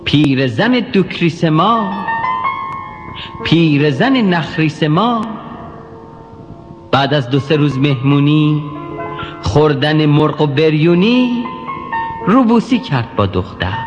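A man narrating a rhymed children's story in an animated, singsong way. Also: a little high, pauses often. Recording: dull reverberant recording over music.

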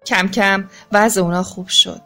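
A woman narrating a children's story in a gentle, expressive reading voice. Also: mid-range voice. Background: faint music.

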